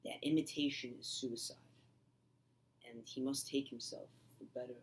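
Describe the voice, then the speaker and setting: A young man playing an earnest old male philosopher in an amateur school skit, talking haltingly with many ums while reciting his lines. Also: medium pitch, fairly even intonation, lightly acted, poor audio. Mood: assured.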